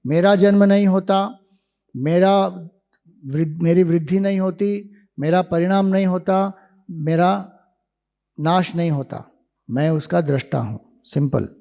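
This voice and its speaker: Man, spiritual teacher, unhurried discourse, rhetorical questions, warm dark tone. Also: sits high, creaky. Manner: slow, deliberate, rhetorical questions. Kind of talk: Vedanta discourse to youth camp. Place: hall.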